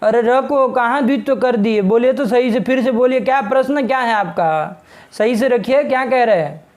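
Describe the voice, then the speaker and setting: This middle-aged man has a very high yet darkish-toned voice. He runs an online Sanskrit grammar class, speaking briskly and scolding a student to spell out his question clearly.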